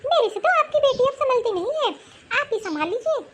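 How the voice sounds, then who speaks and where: A woman's voice: very high-pitched, animated, fairly quick, noisy background, voice pushed up. A woman voicing a scheming, mocking middle-aged mother-in-law in a cartoon story. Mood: scornful. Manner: sneering, taunting. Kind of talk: cartoon voice acting.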